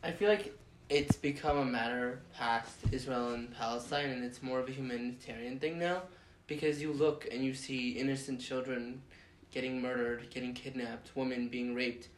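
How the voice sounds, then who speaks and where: A man's voice: medium pitch, steady tone, moderate pace, a little hiss or hum. A man with a mid-range voice gives his opinion emphatically on a casual podcast. He sounds a little off mic in an echoey room with faint ambience behind him.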